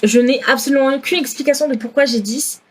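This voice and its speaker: A woman's voice: sits high, fast. A woman in her twenties with a southwest French accent, talking casually in a vlog, chatty with many fillers and self-corrections. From France. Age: 20s. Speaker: student vlogger.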